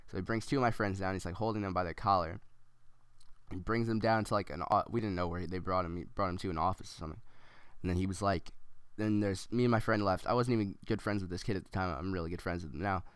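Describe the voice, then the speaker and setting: A man's voice: low voice, steady tone, fast, smooth, no echo. A man rambling through a story as casual gameplay commentary, with many ums and restarts.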